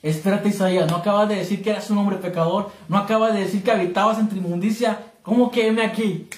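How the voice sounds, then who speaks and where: A man preaching a sermon, acting out biblical voices and building to shouted climaxes. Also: high voice, fairly even intonation, fast talker. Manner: acts out biblical voices in his telling. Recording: echoey room.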